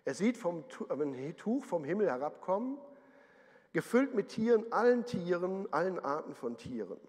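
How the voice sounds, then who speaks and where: A man's voice: high-pitched, very animated, moderate pace, a little mellow, breathy edge, in a large hall. A man preaching a sermon as pastor, telling the story vividly and acting out the voices he quotes.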